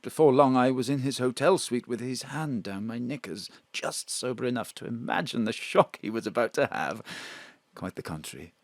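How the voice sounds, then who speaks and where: For an audio drama, a man acts as the fugitive drag performer Bruno, or Mona, sounding frightened and confiding while telling his story with theatrical swoops. His medium-pitched voice has lively intonation and normal speed, close to an everyday voice, captured on a home studio mic with no echo.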